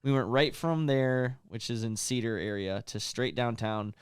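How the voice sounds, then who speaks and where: A man, co-hosting a podcast and telling a long story in a casual, animated way. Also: mid-range voice, clean tone, dry recording, studio quality. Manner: animated storyteller, quick bursts and drawn-out asides. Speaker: podcast co-host.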